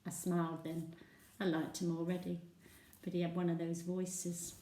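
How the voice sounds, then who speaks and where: A woman's voice: on the low side, completely flat delivery, moderate pace, mellow. Chatty woman telling a comic tale. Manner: chatty, gossipy, with sung and whispered asides. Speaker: storyteller. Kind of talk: first-person comic monologue. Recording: roomy echo, voice from a distance.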